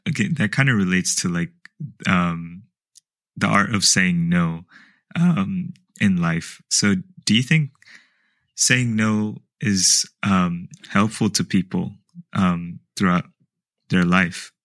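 A man interviewing a guest, asking his questions hesitantly with many pauses and fillers. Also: low-pitched, fairly bright tone, no room sound. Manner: hesitant, many ums and likes.

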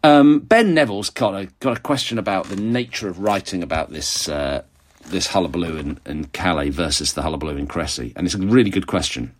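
A man, an author answering readers' questions in a wry, chatty way, his voice croaky with vocal fry and hoarse from a cold. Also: low voice, a little fast. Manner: wry, chatty, self-mocking. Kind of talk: casual monologue answering audience questions.

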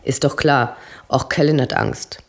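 A man's voice: medium pitch, steady tone, measured pace, fairly bright tone. A man reading a crime novel aloud in plain storytelling narration. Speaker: reader.

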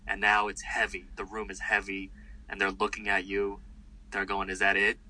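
This interview has poor audio, capturing a male comedian whose voice is on the low side and whose speed is normal. He chats casually, rambling in an animated way with plenty of fillers and restarts.

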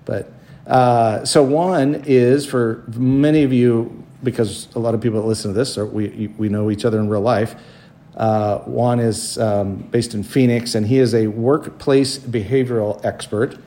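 A man hosting a conversational podcast interview at home, feeling his way through sentences in a halting manner. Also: mid-range voice, steady tone, mellow. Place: home dining room.

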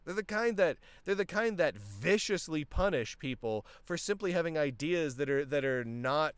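A man's voice: fairly high pitch, normal speed, smooth, dry recording. A man hosting a casual political commentary podcast, talking with many restarts, with a tickle in his throat that makes him cough. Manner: animated, talks with frequent restarts. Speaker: podcast host.

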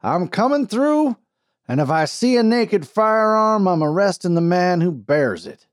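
A man voicing a big, commanding frontier sheriff who booms out orders and talks in a folksy drawl. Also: lively intonation, unhurried, darkish tone, no echo, clean studio sound, close to an everyday voice.

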